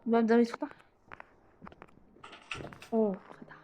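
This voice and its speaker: A woman with an Egyptian Arabic accent hosting a horror game let's-play, excitable and jumpy as she talks through her fright. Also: a little high, normal speed, muffled recording, slight background noise. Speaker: gaming channel host.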